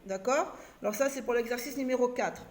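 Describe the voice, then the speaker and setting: A woman teacher giving a recorded lesson to young children, slowly spelling out letters and syllables and repeating herself for them. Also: fairly high pitch. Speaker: primary school teacher.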